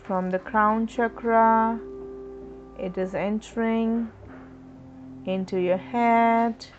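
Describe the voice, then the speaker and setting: A woman talks listeners through a chakra meditation, her words unhurried and drawn out. She keeps a calm, instructive tone. The recording sounds slightly muffled, with quiet music beneath her. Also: fairly high pitch. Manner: slow, soothing, instructive. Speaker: meditation guide. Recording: dull lo-fi recording with soft music.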